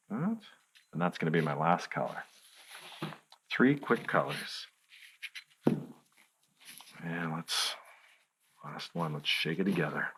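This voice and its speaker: A man's voice: deep voice, fairly bright tone, breathy edge. A man hosting a hands-on crafts tutorial, chatting playfully to the viewer as he works. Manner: playful, chatty, talks to the viewer while working.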